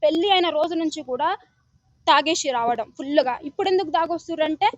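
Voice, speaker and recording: Young woman, high pitch, pleading news testimony. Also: a little fast, no echo, muffled recording. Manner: urgent, pleading, repeatedly addressing the listener as sir. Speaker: complainant interviewed by news reporter. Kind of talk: emotional testimony to a reporter.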